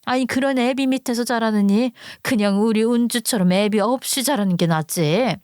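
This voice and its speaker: A woman's voice: fairly high pitch, moderate pace, darkish tone, no echo, clean studio sound, lightly acted. A woman voicing a hot-tempered middle-aged single mother who scolds harshly in a dramatized story. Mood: furious. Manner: combative, scolding, rough-tongued. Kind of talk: storytelling acting.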